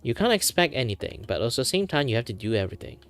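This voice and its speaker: A man hosting a livestream, chatting casually in a rambling, animated way. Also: mid-range voice, quick pace, faint music behind. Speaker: livestream host.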